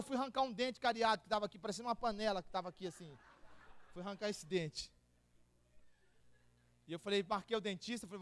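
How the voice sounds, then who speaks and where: High-voiced excited São Paulo preacher. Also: male voice, no room sound. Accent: São Paulo Portuguese. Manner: animated storytelling with slang and acted-out quotes. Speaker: pastor. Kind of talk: testimony sermon.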